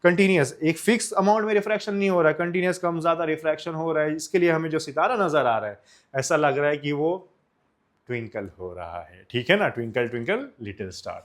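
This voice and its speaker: Fast-talking and on the high side, this young Indian man teaches science for exams in a blend of Hindi and English. He poses questions, supplies the answers himself, and addresses his students as children.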